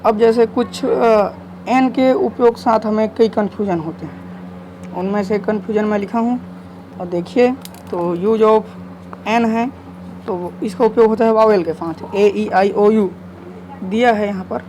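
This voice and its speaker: A man's voice: high voice, measured pace, a little mellow, a little hiss or hum, rough recording. A man teaching English grammar, asking questions and answering them himself, and spelling words out letter by letter. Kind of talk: explaining a grammar lesson.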